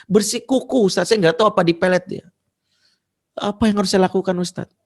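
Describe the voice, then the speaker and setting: A woman's voice: medium pitch, brisk, a little mellow, voice pushed up, close to an everyday voice. A man doing a pleading distressed single mother. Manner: pleading, exasperated.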